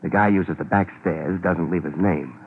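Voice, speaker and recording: Low-voiced hard-boiled detective, old radio. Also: male voice, normal speed. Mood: tense, low, controlled. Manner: terse, hard-boiled, dryly sardonic. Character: tough, wry, unflappable male private detective. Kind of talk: old-time radio crime drama acting. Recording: muffled, narrow-band old radio recording with hiss.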